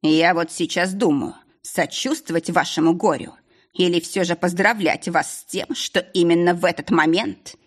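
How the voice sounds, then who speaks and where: A woman voicing a cold, scheming male duke who taunts his captives in a slow, mocking drawl. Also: on the low side, breathy edge. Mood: smug, mocking.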